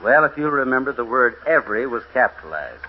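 A man with a mid-range, sing-song voice talks quickly as the host and singing cowboy narrator of a 1950s radio western. His style is folksy and easygoing, and the old radio recording sounds dull and lo-fi.

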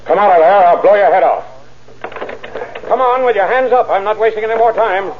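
A commanding male police lieutenant, played by an actor in an old radio crime drama. He gives blunt squad orders at a quick clip. The recording is dull and lightly noisy. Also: mid-range voice, lightly acted. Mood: forceful, threatening. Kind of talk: 1940s-style radio police drama acting.

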